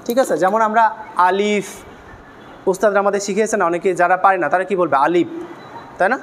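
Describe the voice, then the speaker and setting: A man's voice: high-pitched, racing, a bit bright, slight background noise. A young man teaching a beginner class in a classroom, quizzing the students with repeated questions. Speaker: English teacher.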